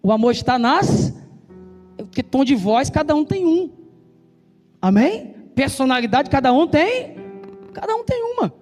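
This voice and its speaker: Very high-voiced fast Brazilian preacher. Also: male voice, sing-song. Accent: Brazilian Portuguese. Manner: fast, loud and emphatic, with constant call-and-response questions. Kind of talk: sermon. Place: church. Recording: reverberant church hall with soft instrumental music.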